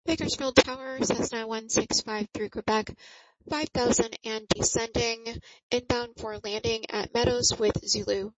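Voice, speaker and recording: Lady pilot on radio, bit high, unsure, muffled lo-fi sound. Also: steady tone, a little slow, no room sound. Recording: dull, dry lo-fi radio transmission.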